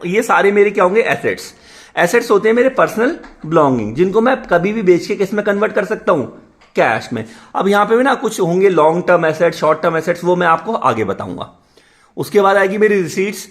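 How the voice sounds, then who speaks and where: A man with a fairly high voice giving a classroom lecture. He keeps asking his students questions and then answering them himself. He reads definitions out slowly before he explains them in plain words. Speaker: commerce teacher.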